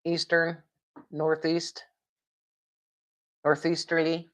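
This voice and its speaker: Chatty, slow-talking woman streamer. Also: deep voice, monotone. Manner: rambling, chatty, laughs often, answers viewer comments. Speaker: live stream host. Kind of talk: casual live stream chat. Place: home.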